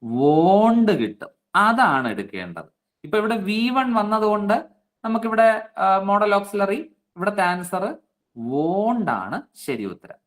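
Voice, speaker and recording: A man's voice: high-pitched, big pitch swings, fairly bright tone. A man teaching an online exam-prep class, reading out student names and checking their answers. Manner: slow, coaxing explanations.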